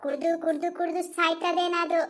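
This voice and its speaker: Brief: nagging, fed-up village wife, very high piercing voice, skit comedy. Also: female voice, little pitch movement, fairly quick. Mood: weary grumbling. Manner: scolding, grumbling lament.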